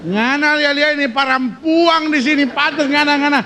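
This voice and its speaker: Man putting on a shrill jealous wife with a Manado accent. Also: fairly even intonation, a little fast, bright, forceful tone, some chatter behind. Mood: accusing. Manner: scolding.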